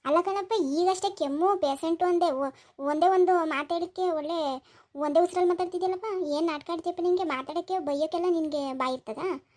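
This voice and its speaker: A woman's voice: very high-pitched, fairly quick, darkish tone. A young woman, hosting a comic village vlog and talking to viewers as friends. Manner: chatty, addressing viewers as friends. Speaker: village vlogger.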